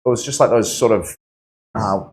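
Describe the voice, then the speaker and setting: A man's voice: lowish voice, normal speed, a little mellow. A man with a broad New Zealand accent chatting casually as the host of a tattoo livestream, in a laid-back, slangy, matey way. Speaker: tattoo artist hosting a livestream.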